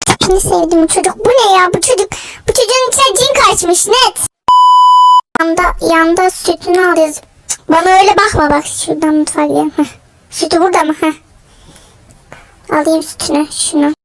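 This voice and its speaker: A very high-voiced young woman narrates her gameplay with loud, excitable energy. She bursts into shouts and playful threats, over a faint background hiss. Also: a little fast, long pauses. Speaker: gaming YouTuber. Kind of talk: gameplay commentary.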